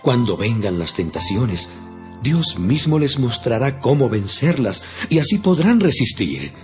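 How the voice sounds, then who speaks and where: An actor playing an earnest, stern apostle in a dramatized audio Bible, with solemn, emphatic, preacherly delivery. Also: male voice, mid-range voice, big pitch swings, a little slow. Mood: solemn, admonishing. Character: apostle Paul, earnest, stern male preacher to his flock. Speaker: Bible reader voicing the apostle Paul. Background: music behind the voice.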